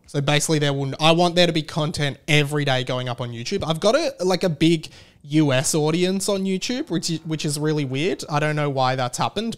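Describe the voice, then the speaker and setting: A man with an Australian accent hosts a podcast on his own, chatting casually in an enthusiastic, rambling monologue. His voice is fairly high-pitched and smooth.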